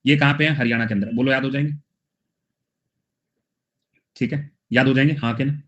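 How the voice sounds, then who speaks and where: A man's voice: mid-range voice, steady tone, brisk, a bit bright, dull audio. A male teacher from Haryana giving an exam-prep lesson, talking chattily and acting out little scenes in funny voices to help students memorize.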